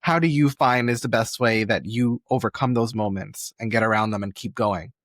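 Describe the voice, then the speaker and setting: A man's voice: lowish voice, normal speed, fairly bright tone, no room sound, studio quality. A man hosting an interview podcast, asking curious, encouraging questions. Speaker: podcast host.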